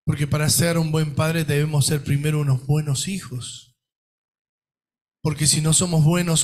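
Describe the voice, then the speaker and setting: A man's voice: on the high side, a little mellow. Argentine male pastor preaching. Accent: Argentine Spanish. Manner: preaching, rhetorical questions, acts out quoted voices. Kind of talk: sermon. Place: church.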